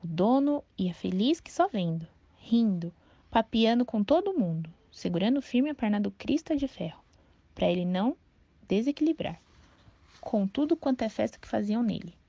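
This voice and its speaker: Mellow woman reading a children's book. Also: mid-range voice, lively intonation, normal speed, gravelly, dry recording. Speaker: audiobook reader. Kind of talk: reading a children's novel aloud. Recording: dull, dry lo-fi recording.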